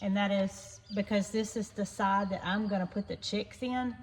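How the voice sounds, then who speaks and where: With a medium pitch, fairly even intonation, and ordinary speed, a woman talks straight to the camera in a down-home farm vlog. The barn around her is echoey, and birds and background noise are clearly audible.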